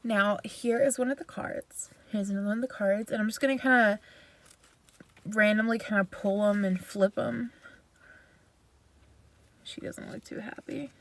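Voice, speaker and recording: A woman's voice: mid-range voice, steady tone, normal speed, a bit bright, no room sound. A woman giving a casual, chatty review with a self-deprecating manner, recorded inside a parked vehicle. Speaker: video reviewer.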